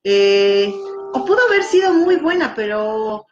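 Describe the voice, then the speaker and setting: A woman's voice: fairly high pitch, big pitch swings, a little slow, highs cut off. A woman chatting about a novel, speaking hesitantly with many fillers. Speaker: book discussion co-host. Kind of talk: casual book chat. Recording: clear music playing behind.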